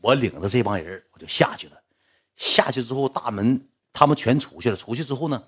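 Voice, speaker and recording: A young man with a strong Northeastern Chinese accent spins a comic yarn in easy, chatty dialect. His voice is husky and sits in a middle pitch. His intonation rises and falls constantly. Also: fairly quick. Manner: lively, chatty, dialect-heavy. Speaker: storyteller. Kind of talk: casual comic storytelling.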